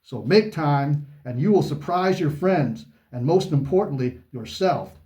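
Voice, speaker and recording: A man doing a brash high-voiced wrestler. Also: expressive, a little slow, mellow. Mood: boastful. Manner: showy wrestling trash talk. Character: brash boastful male pro-wrestler persona. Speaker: co-host.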